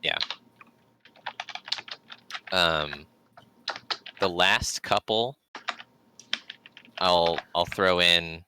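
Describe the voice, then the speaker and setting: A man playing a tabletop role-playing game in casual chat, laughing often and halting with many fillers. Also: deep voice, noisy background.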